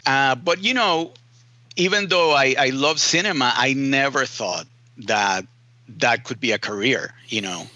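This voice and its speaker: A man's voice: medium pitch, unhurried, pushed and bright, no echo, lo-fi sound. A man from Rico, a film editor telling his story casually in an interview, full of "you know" and "man". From Puerto Rico.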